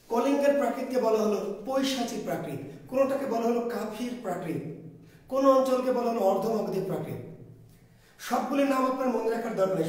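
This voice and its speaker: A man's voice: very high voice, a little mellow. A male teacher giving an online lecture, who asks his students questions and answers them himself. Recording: echoey room, voice far from the mic.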